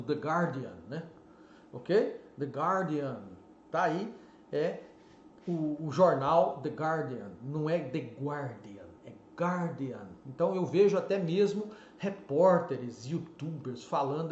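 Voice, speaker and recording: A fairly high-voiced Brazilian man with a Brazilian Portuguese accent gives a casual online teaching lesson, punching out each example word and tagging his sentences with little checks. The sound is roomy and a bit dull, with faint ambience behind him. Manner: animated, stresses example words, frequent "né?" and "ok?". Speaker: English teacher.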